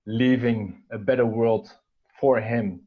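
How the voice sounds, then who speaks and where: A man's voice: mid-range voice, steady tone, slow, narrow, tinny audio. A man from the Netherlands whose first language is Dutch, talking casually as an interview guest with many fillers and restarts.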